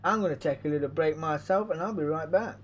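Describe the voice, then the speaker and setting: A man with a croaky, sore-throated voice, chatting casually as host of a racing league stream and talking to himself while he sets things up. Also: on the high side, fast, a little hiss or hum. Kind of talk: casual live-stream race commentary.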